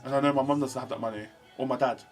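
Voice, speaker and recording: A man's voice: mid-range voice, fairly even intonation, very fast, faint music behind. A man, telling a storytime vlog and acting out every quote in shifting voices. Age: 20s. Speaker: vlogger. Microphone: camera mic.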